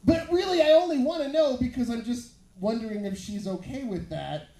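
A man's voice: very high voice, a little fast, mellow. A man in his thirties doing conversational, profane stand-up with leering, smutty joking, on a handheld microphone at a small bar. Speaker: stand-up comedian. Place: small bar or club stage at night. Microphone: handheld stage microphone through PA, filmed from the audience. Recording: echoey room recording with audience noise.

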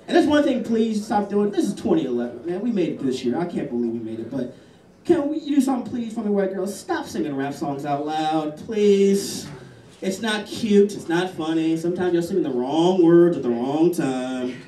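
A young man doing a crude stand-up set, swinging from loud outbursts to muttered asides, with a Louisiana accent. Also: high voice, big pitch swings, moderate pace. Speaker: stand-up comedian. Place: comedy club stage. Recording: echoey club, mic from a distance.

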